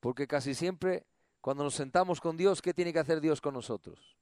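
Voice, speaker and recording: A middle-aged male pastor preaching a sermon, calling on the congregation to repeat after him and swinging between loud and soft. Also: on the high side, normal speed, no room sound, studio quality.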